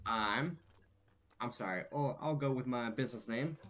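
A brash cowboy hustler drawls his pitch in a put-on Southern country accent, as a man does the voice. He rambles in folksy salesman patter, friendly and pushy at once, like a character in a game stream. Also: moderate pace, fairly bright tone, close to an everyday voice. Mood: folksy, hustling.

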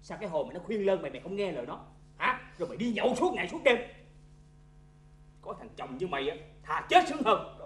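Fast-talking scolding village elder, swoops up and down, echoey. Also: male voice, high voice, very animated. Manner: scolding, blustering. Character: bossy older village elder acting as judge. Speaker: comedy actor. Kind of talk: stage comedy sketch acting.

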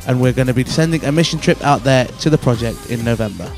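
A man's voice: medium pitch, fast, darkish tone, faint music behind. A young man presenting church news announcements into a handheld mic in a church café, earnest and friendly. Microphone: handheld microphone.

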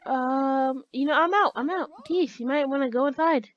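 High-voiced woman narrating her gameplay. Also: moderate pace, dull audio. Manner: chatty, talks to herself and to game characters. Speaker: gaming channel host. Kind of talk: let's play commentary.

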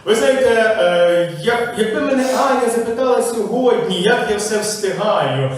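A man's voice: high-pitched, animated, normal speed. A man performing as a comic showman on a live stage, joking and rousing the audience. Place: live stage at a community gathering. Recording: echoey live venue from far off.

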